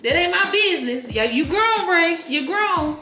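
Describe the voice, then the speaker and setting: A woman voicing a nosy, chatty old grandmother in a high, questioning voice. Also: expressive, normal speed, sharp tone, echoey room, soft background music, heavily acted. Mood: teasing. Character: nosy old grandmother visiting, loud and gossipy. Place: indoors in a house.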